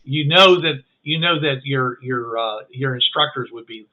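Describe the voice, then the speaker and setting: A man at a middle pitch narrates a tabletop game as its game master, stumbling and restarting often. His voice comes through a thin, phone-like line. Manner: halting, full of restarts and fillers. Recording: phone-like online call.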